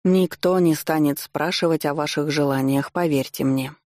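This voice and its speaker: A reader voicing a strict, proper governess who talks in a prim, instructive manner, in an audiobook. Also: female voice, low-pitched, normal speed, darkish tone, dry recording, clean studio sound, lightly acted. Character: strict proper governess, middle-aged, stern.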